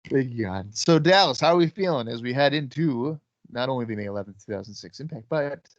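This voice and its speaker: A man co-hosting a podcast in a relaxed, sleepy, offhand way, swearing now and then. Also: medium pitch, fairly quick, no echo, lo-fi sound. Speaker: podcast co-host. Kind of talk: casual chat.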